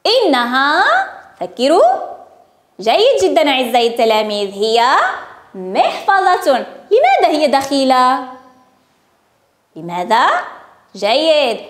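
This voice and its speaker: A woman with a high, lively voice leads a phonics lesson for young children, speaking slowly. She draws each word out and praises the class again and again. The recording has an echoey room sound. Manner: stretches words out slowly, praises pupils often. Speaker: primary school teacher.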